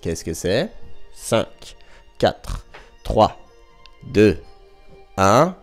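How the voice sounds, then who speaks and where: A man who is a primary school teacher, giving a remote lesson to young children at home, speaking slowly and clearly, sounding out syllables and counting down before each answer. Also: lowish voice, big pitch swings, soft background music. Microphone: microphone in front of a camera.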